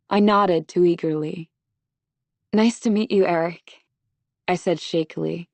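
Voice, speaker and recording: A woman reading a first-person audiobook in a measured storytelling manner on a close studio mic. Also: fairly low pitch, a little mellow, no echo. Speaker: audiobook narrator. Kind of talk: scripted first-person narration.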